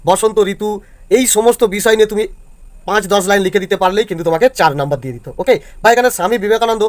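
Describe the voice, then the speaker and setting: A male teacher explains exam answers to students step by step and keeps checking that they follow. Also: sits high. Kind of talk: exam answer walkthrough lesson.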